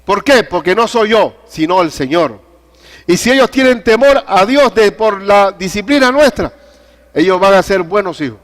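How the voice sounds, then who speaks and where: Older male pastor, higher-pitched voice, animated storytelling sermon. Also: moderate pace. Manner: animated preaching with storytelling and questions to the congregation.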